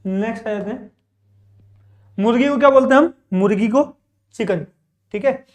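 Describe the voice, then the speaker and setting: A man's voice: very high-pitched, normal speed. Man drilling vocabulary in a classroom lesson. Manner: asks and answers his own questions in a repetitive drill; explains patiently, with frequent check-ins. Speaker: English teacher.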